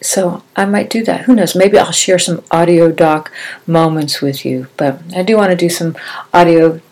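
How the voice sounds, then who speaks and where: A middle-aged woman with a slightly low voice hosts a casual podcast on her own. She talks in an upbeat, rambling, chatty way. Braces make her articulation a touch slurred and wet. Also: normal speed, darkish tone. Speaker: podcast host. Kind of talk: casual solo podcast chat.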